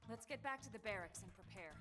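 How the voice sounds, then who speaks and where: Woman voicing a cool level-headed squad leader, dry wit, mid-pitched voice. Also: animated, fast, music in the background, close to an everyday voice. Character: calm, composed female squad leader.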